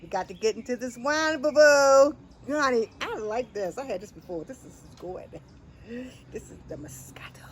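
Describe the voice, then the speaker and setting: A woman hosting a casual chat with friends, animated and laughing often, with playful drawn-out asides. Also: high voice, low-quality recording. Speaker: host.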